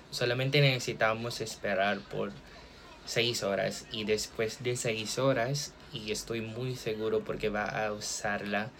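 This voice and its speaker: Polite, low-voiced bank agent man. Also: a bit bright, a little hiss or hum. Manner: polite and formal, with frequent thank-yous. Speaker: bank customer service agent. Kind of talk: role-played phone support call.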